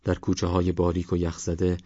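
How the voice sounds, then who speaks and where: A man narrating a novel as an audiobook in a measured, even storytelling manner. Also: low voice, no room sound. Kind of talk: scripted narration. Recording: dry, slightly dull recording.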